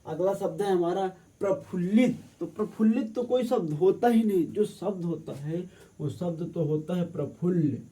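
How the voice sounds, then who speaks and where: A man with a fairly high but very dark, mellow voice leads a spelling lesson for exam prep. He drags out each corrected word slowly and then explains it in a plain teaching manner. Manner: slow, drawn-out word by word correction.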